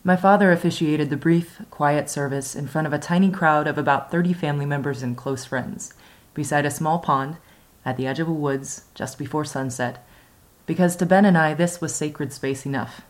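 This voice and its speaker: A woman reading her own first-person memoir aloud in a measured, reflective way. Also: sits low. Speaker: memoir reader.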